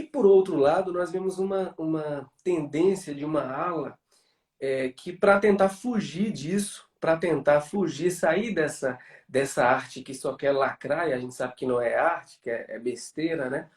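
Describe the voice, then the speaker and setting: A man from Bahia with a Bahian Brazilian accent, hosting a casual online conversation in a halting way, repeating words as he thinks. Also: on the high side, a little mellow. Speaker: host of a live online interview show. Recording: roomy echo, distant microphone.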